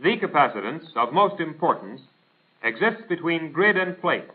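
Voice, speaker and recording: A sing-song American male voice on the high side reads instructional narration at a moderate pace. The script is delivered in a formal, precise, didactic way, like a 1940s military training film, with thin, band-limited audio typical of 1940s film soundtracks.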